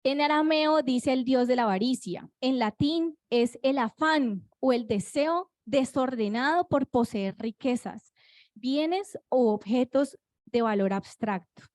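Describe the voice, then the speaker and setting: Woman preacher, high voice, dry close sound, chatty confiding sermon. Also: a little slow, a little mellow, dry recording. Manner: conversational, confiding, asks the congregation "¿sí?". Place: church.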